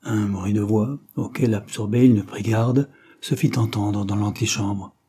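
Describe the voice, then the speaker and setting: A man narrating a romance novel in a measured, even storytelling manner. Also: fairly low pitch, slightly rough. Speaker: audiobook narrator.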